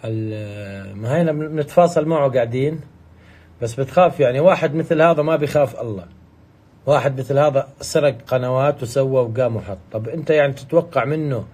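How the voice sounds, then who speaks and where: A man's voice: medium pitch, fairly quick, darkish tone, slightly rough. A man, a YouTuber, talking to his viewers in a vlog, upset and swearing oaths.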